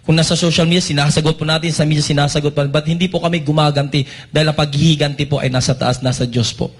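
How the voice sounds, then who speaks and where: A man from the Philippines speaks in a slightly high, husky voice. He delivers an emphatic, accusatory statement for his church. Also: flat delivery, fast. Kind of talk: impassioned statement.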